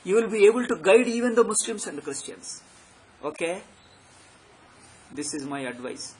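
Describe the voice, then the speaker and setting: High-voiced South Indian man teaching, noisy recording. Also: big pitch swings, moderate pace, a little mellow. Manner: emphatic, repetitive exhorting with tag questions. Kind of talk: spiritual discourse, extempore. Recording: background noise.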